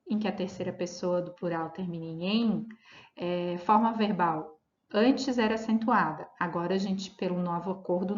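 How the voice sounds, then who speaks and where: A woman teacher explaining grammar rules in a recorded lesson, reading example words slowly and checking in with her students as she goes. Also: medium pitch. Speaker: Portuguese teacher. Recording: roomy, dull lo-fi audio.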